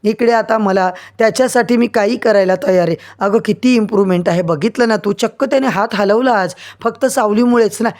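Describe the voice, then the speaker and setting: A woman's voice: medium pitch, a little fast, few pauses, darkish tone, lightly acted. A woman reading the lines of an anxious, controlling woman of the house in a serial recap. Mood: insistent.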